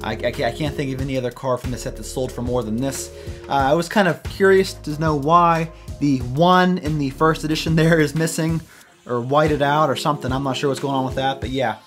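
A man's voice: medium pitch, brisk, soft background music. Upbeat American man hosting collector talk. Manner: upbeat, loose, conversational. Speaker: host. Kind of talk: casual commentary on card sales. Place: small room with shelves of collectibles.

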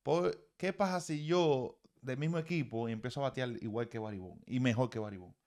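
A man's voice: mid-range voice, brisk, a little mellow. Man, hitting coach, casual commentary, blunt, profane. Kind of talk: casual swing-analysis commentary.

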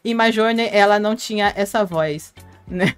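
A Brazilian woman speaks in a smooth, unhurried, mid-range voice as she hosts a casual live stream. She reads comments aloud, talks to fans by name, and often laughs, her Brazilian Portuguese accent coming through a headphone mic over faint music.

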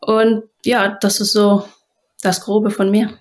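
A woman's voice: medium pitch, little pitch movement, takes it slowly. A young woman from Germany, a guest athlete, answering interview questions casually over a video call in a plain, matter-of-fact way.

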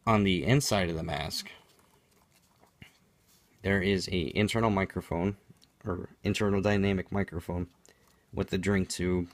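A man's voice: low-pitched, steady tone, a little slow, long pauses, dry recording. A man giving an unscripted product demonstration in a matter-of-fact, explanatory way, as a reviewer.

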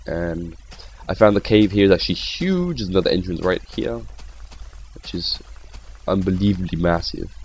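Young male gameplay host, deep voice, rambling and excitable. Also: slight background noise. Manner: chatty and rambling, with excitable outbursts. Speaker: gaming channel host. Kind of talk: casual gameplay commentary.

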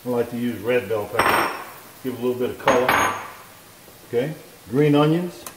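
Speaking at normal speed in a medium pitch, a folksy, relaxed man hosts a home cooking show, walking viewers through each step at the stove. His hands appear in the shot from a camera above the stove, and the kitchen's echo carries faint noise from the pan.

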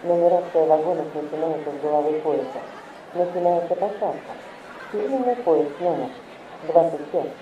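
A man making formal railway station announcements in measured, segmented phrases, in the manner of an airport announcement. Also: fairly high pitch, recorded from a distance. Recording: muffled, echoey station loudspeaker, noisy crowd.

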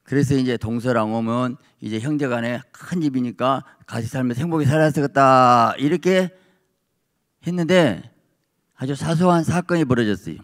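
A man pastor giving a sermon in a church, telling a story with animated voices. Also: medium pitch, normal speed. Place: church sanctuary.

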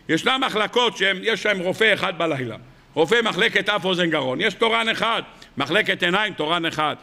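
A middle-aged man, a rabbi, preaching a weekly sermon with dramatic storytelling, rhetorical questions to his listeners and sudden leaps in pitch. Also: pushed and bright. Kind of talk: weekly Torah-portion sermon.

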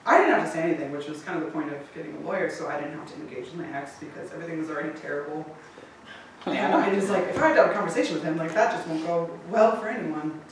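Woman telling her own story, candid, swears a lot, quick laughs, distant mic, echoey room. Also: low voice, a little hiss or hum. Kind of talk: personal story told to a live audience.

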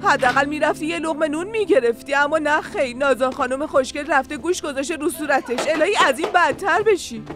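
A bossy grandmother scolds the children and her sister-in-law in a high, sharp voice, as a woman dubs her. Soft music sits under the dubbed dialogue. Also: few pauses, close to an everyday voice. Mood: scolding. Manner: scolding, shrill when angry. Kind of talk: Persian dub of a TV series.

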